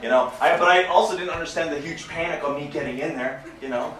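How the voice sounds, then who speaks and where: A man's voice: on the high side, fast, distant mic. A man performing a crude, brash stand-up comedy set on a club stage. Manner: brash, crude, animated storytelling. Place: comedy club stage before a live audience. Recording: roomy club sound from off-mic, loud crowd laughter.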